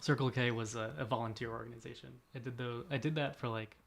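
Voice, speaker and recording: A man's voice: medium pitch, fairly even intonation, quick pace, gravelly. A young man in his twenties chatting casually as a podcast co-host, rambling and self-deprecating, laughing often. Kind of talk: casual chat.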